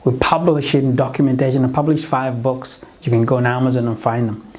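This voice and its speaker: Delivering an earnest motivational pitch as a business coach, a middle-aged man from Uganda speaks flatly, fairly quickly, and a little mellow. He isn't a native English speaker and often restarts and corrects himself.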